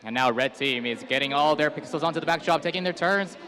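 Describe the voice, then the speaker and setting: A man's voice: fairly high pitch, fast, bright, forceful tone. A man co-commentating a live competition as a hype announcer, trading calls with his partner.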